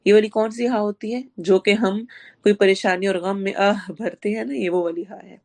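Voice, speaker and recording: A woman with a slightly sore, hoarse throat teaching Quran recitation rules in an online class, explaining sounds step by step, asking her students questions and dropping English words into her speech. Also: medium pitch, steady tone, darkish tone.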